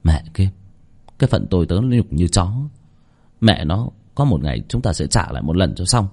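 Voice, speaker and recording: A man voicing a bitter young male servant who talks gruffly and low, in a read-aloud story. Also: very animated, moderate pace, dark tone, exaggerated voice. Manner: gruff, low cursing advice.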